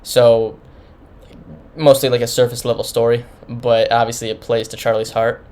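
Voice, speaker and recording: A man in the middle of his pitch range talks through an album review in a loose, casual way. He rambles and often restarts his sentences. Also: flat delivery, moderate pace, darkish tone. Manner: rambling, informal, many restarts. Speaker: music reviewer.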